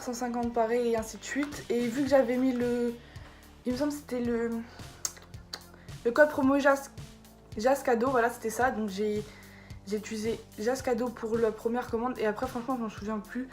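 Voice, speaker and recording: A woman's voice: fairly high pitch, darkish tone. A woman chatting casually through an unboxing video, tripping over product names as she shows them. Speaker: beauty vlogger. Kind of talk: casual unboxing haul vlog.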